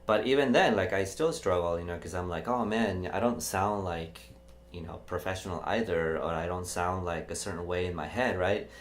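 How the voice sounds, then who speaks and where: Man, deep voice, casual podcast co-host, laughs a lot, hesitant fillers. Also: a little fast, slight background noise.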